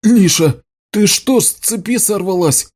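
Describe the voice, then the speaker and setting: Guy doing a big gruff young woodcutter, blunt, growly, kinda defensive, storybook voice. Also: fairly high pitch, lively intonation, moderate pace, dark tone. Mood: angry.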